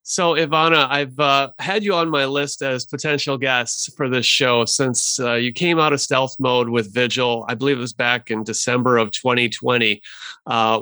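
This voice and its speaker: A man's voice: mid-range voice, pushed and bright, no room sound. A man hosting a podcast, reading a scripted intro and then interviewing a guest with frequent fillers and restarts. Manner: hesitant with fillers and restarts in conversation. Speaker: podcast host.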